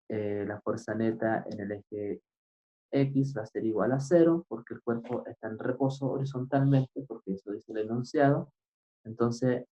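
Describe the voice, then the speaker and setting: A male physics teacher explains a worked problem one step at a time in a relaxed, mellow voice. He keeps turning to the class with small checks to make sure they follow. The recording is somewhat dull and lo-fi. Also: mid-range voice. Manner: keeps asking "right?" to check understanding; patient, step-by-step.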